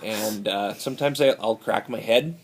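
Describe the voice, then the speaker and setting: Lightly acting with a lowish voice, a man plays a brawling, boozy Canadian hoser in improvised comedy, with slight background noise. His Canadian accent comes through as he rambles haltingly and tacks "eh" onto his lines.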